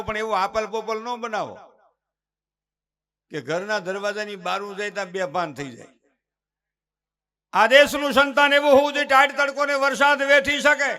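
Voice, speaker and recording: A man's voice: very high-pitched, pushed and bright. A man with a Kathiyawadi Gujarati accent giving a live dayro comedy talk on stage, preaching and storytelling and mimicking family members. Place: live stage before an audience.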